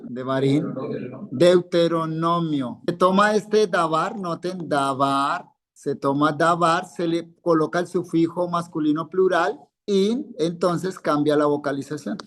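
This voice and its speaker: A Colombian man teaches Hebrew in a live classroom, patiently calling on students by name to quiz them and repeating every word. His voice is high-pitched and a bit bright.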